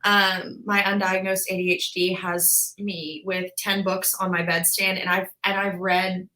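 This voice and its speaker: Bright-voiced young woman, chatty. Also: on the low side, flat delivery, unhurried, poor audio. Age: 20s. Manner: chatty, frequent "like" and "um" fillers. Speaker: guest, physical therapist. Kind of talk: casual podcast interview.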